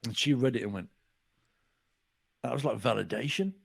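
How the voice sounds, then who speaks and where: A man's voice: medium pitch, moderate pace, gravelly, breathy edge. A man in his forties, a guest author in a casual podcast chat, who tells stories by acting out what people said. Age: 40s. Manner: animated storyteller acting out quotes.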